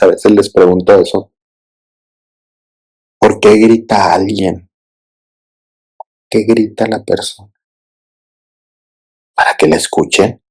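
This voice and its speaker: Man, very deep voice, therapist, reflective film analysis, checks in with listeners. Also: a little mellow, poor audio. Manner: thoughtful, often asks listeners "¿no?" and "¿sí?".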